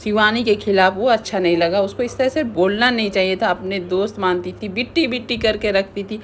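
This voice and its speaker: A woman's voice: medium pitch, brisk, a little hiss or hum. A woman casually recapping a reality show, retelling events in a chatty way with frequent restarts.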